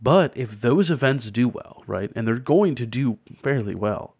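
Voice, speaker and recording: A man's voice: medium pitch, expressive, unhurried, darkish tone, husky. Chatty man co-hosting a podcast. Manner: chatty, lots of fillers, upbeat. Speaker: podcast co-host. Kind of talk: casual podcast chat.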